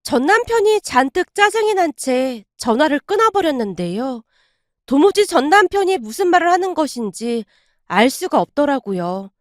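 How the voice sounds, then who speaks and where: A woman narrating a first-person family story, reading every part herself and raising her voice for the shouting. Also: high-pitched, big pitch swings, moderate pace, no echo, clean studio sound.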